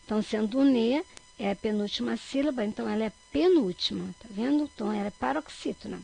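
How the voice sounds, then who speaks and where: A woman from Brazil, a teacher, giving a recorded grammar lesson for children. She checks in often with her listeners and stretches out key words loudly to stress their syllables. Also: a little high, fast, gravelly, breathy edge, low-quality recording. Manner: checks in with frequent "tá bom?".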